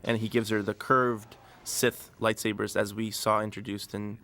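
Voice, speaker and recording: Man giving a relaxed DVD commentary. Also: fairly low pitch, moderate pace, faint music behind. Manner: relaxed, rambling, many fillers. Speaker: director.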